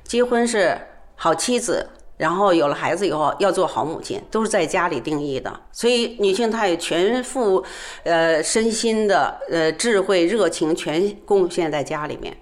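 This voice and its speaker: A woman's voice: fairly low pitch, lively intonation, normal speed. A woman who trains people on domestic violence, explaining her views earnestly in an interview, with frequent hesitant fillers.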